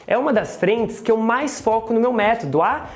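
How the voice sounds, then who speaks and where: A woman's voice: on the high side, expressive, moderate pace. A Brazilian woman with a Brazilian accent who teaches English pronunciation in a chatty video lesson and drills words by repeating them. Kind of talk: lively video lesson commentary.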